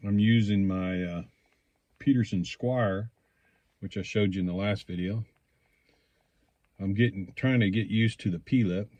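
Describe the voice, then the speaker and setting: A man giving a casual, rambling product review, speaking in a hesitant, unhurried way as he thinks aloud. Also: on the low side, steady tone, darkish tone, no echo. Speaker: pipe tobacco reviewer.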